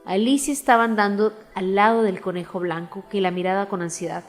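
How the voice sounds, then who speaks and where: A woman's voice: medium pitch, steady tone, fairly quick, in a large hall. Woman narrating a storybook over music. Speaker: audiobook narrator.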